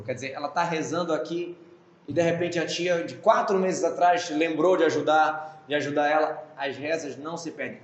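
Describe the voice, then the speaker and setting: A man's voice: fairly high pitch, reverberant, lo-fi sound, a little hiss or hum. A man with a Brazilian Portuguese accent teaching the weekly Torah portion, explaining Hebrew terms and asking himself questions. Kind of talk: Torah lesson.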